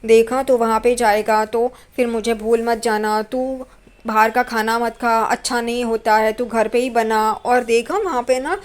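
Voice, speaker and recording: A doting, anxious mother who fires off questions and fusses over her son, read by a woman narrator. The voice sits high and stays close to everyday talk, with little acting. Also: fairly even intonation, a little slow, close to an everyday voice. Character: fussing mother of a grown son.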